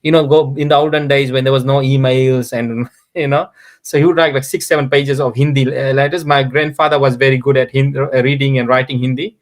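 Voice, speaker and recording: A man's voice: mid-range voice, fairly even intonation, a little fast. A man from Fiji with a Fiji Indian accent, telling anecdotes casually as an interview guest and often chuckling as he talks. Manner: chuckles often while talking.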